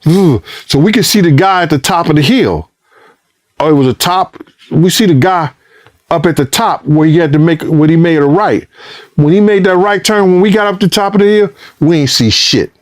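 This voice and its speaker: A man, a former bodyguard, telling a story in a casual interview, cursing freely and acting out what people said, his voice rising high and loud in the tense parts. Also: moderate pace. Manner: profane, re-enacts dialogue, voice climbs high and loud when excited. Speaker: former bodyguard recounting events.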